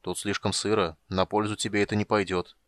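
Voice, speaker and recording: A man voicing a burly, blunt warrior who grumbles and talks gruffly. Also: lowish voice, little pitch movement, fairly quick, fairly bright tone, no echo, lightly acted.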